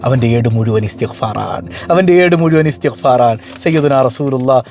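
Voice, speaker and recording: A man preaching fervently, telling stories and jumping his pitch often. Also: fairly quick. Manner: fervent, animated storytelling with frequent pitch leaps. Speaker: Islamic preacher. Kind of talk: sermon with told stories.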